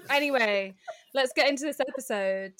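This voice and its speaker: A woman's voice: high-pitched, normal speed, fairly bright tone, no room sound, rough recording. A woman co-hosting a podcast, chatty and upbeat in casual talk. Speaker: podcast co-host. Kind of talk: casual chat.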